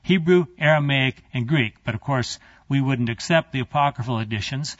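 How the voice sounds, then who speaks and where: A man gives a Bible class in a conversational lecture style, wandering into asides and addressing his students directly. His medium-pitched voice is a bit bright and moves at normal speed. The dry recording is slightly muffled, with no echo.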